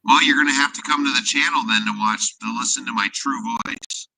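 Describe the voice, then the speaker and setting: A man's voice: medium pitch, brisk, bright, forceful tone, low-quality recording. A man chatting casually on a live stream whose voice comes through hollow, as if spoken through a tube. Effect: hollow sound, as if talking through a tube. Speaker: guest on a live stream show. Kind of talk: casual chat.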